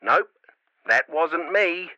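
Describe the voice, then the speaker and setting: A man's voice: a little high, animated, very slow, bright, forceful tone, dry recording, muffled recording, pitched above the performer's own voice, full character voice. A man voicing a teasing mother talking over a scratchy walkie-talkie.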